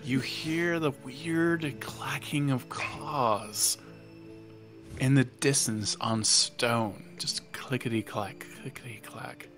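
A man's voice: medium pitch, steady tone, extremely slow, fairly bright tone. A man narrating a tabletop game as game master. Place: indoor room on a group video call. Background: music.

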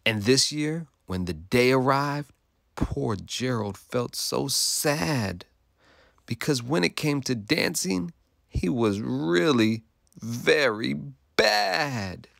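A man's voice: mid-range voice, animated, slow, vocal fry, fairly bright tone, no echo, studio quality. A male teacher reading a rhyming picture book aloud to children in a sing-song way, stopping to ask them questions.

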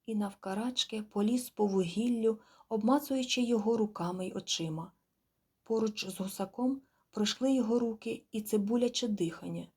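A woman narrating an audiobook in a measured, quiet, expressive storytelling manner. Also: medium pitch, breathy edge. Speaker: audiobook reader. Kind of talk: scripted narration.

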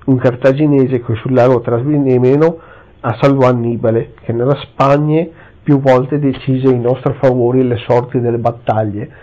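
A man's voice: medium pitch, fairly even intonation, moderate pace, warm tone, close to an everyday voice. A man voicing a fierce, proud Carthaginian warrior who speaks with commanding disdain, on a slightly dull recording. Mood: defiant.

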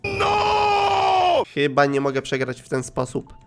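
A man hosting a video game playthrough, talking in an energetic, animated way, making silly sound effects and swinging between loud outbursts and mutters. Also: a little high, normal speed, soft background music. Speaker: gaming video host. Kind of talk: energetic let's-play commentary.

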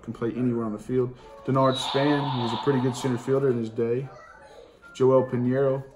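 The audio quality is poor as this man, speaking briskly in a mid-range voice, reads out baseball card names one by one with plain-spoken slang. He hosts a card collecting channel and is doing casual card-opening commentary in his dining room at home. The camera is on the table in front, picking up steady room noise.

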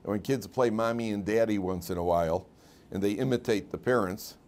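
Man, 50s, rabbi at the lectern; low-ish voice, loose storytelling classroom talk, stammered restarts, laughs at his own jokes. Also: fairly quick, darkish tone. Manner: chatty storyteller, repeats words, laughs at his own stories. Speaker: rabbi teaching a weekly Torah class. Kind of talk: informal classroom lecture with stories.

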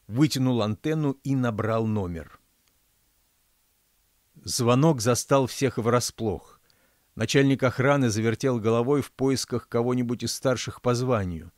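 A man's voice: mid-range voice, darkish tone, no echo, studio quality. Man narrating his fairy-tale audiobook. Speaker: author reading his audiobook.

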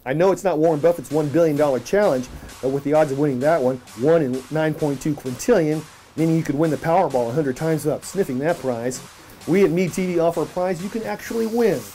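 Brisk upbeat man reading local news. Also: a little high, dark tone, soft background music. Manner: upbeat, reads from script. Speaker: news show host. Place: small office.

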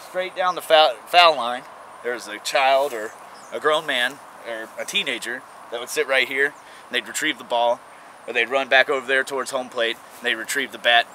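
A young man, an urban exploration vlogger, gives a casual, folksy guided tour to camera at an abandoned baseball stadium. His mid-range voice is bright and forceful. The outdoor camera audio is poor and noisy.

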